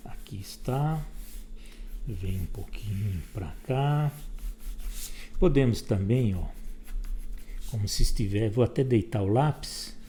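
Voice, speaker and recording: A man's voice: fairly low pitch, slow pace, pauses often, mellow, a little hiss or hum. A man teaching a step-by-step drawing lesson, giving patient instructions while he sketches.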